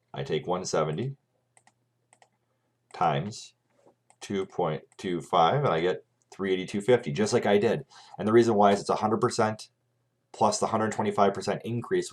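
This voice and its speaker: A low-pitched male voice at normal speed leads a screencast math lesson. Step by step, he walks through each calculation, often pausing to ask "right?".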